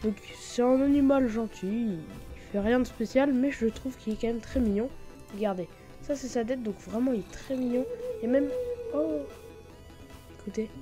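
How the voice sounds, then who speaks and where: A woman giving a chatty, excitable commentary while showing a game mod, with lots of fillers and sudden exclamations. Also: fairly high pitch, normal speed, over music. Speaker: gaming YouTuber. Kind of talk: Minecraft mod showcase commentary.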